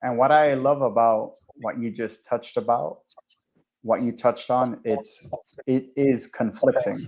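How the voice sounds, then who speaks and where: A man's voice: medium pitch, steady tone, measured pace, darkish tone. Enthusiastic male podcast host. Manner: enthusiastic, encouraging. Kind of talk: casual conversation.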